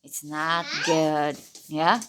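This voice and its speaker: In a deep, level voice, a woman tells a Bible story to a young child very slowly, with background noise. Her English is simple and non-native, and she often asks questions and acts out the dialogue.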